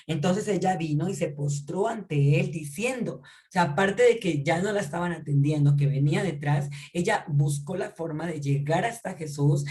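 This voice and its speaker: A woman with a somewhat low, slightly mellow voice gives an informal Bible teaching. Her delivery is conversational; she frequently checks in with listeners and repeats or restarts phrases while explaining.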